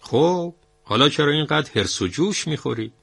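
A man voicing a stubborn, commanding landowner master who insists on his orders in a gravelly voice. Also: a little high, lively intonation, a bit bright, no room sound, pitched above the performer's own voice, exaggerated voice. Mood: insistent.

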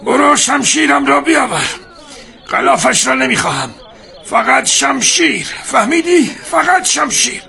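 A defiant blind old father in a radio play. His voice sits high and bright with a gravelly edge, and he moves from grave calm to barked orders. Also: exaggerated voice. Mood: commanding shout. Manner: solemn, commanding, bursts into shouts. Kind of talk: radio drama acting.

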